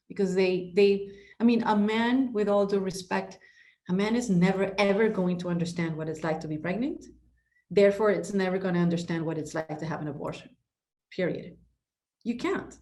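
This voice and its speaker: The guest, a middle-aged real estate broker from Ecuador, speaks in a fairly low, slightly mellow voice at normal speed during a conversational podcast interview. Her manner is passionate and emphatic, marked by frequent restarts and many "you know"s.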